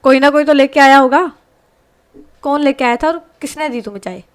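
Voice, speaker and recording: A woman's voice: high-pitched, a little fast, close to an everyday voice. A woman voicing a young woman who firmly scolds and questions her partner. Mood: scolding.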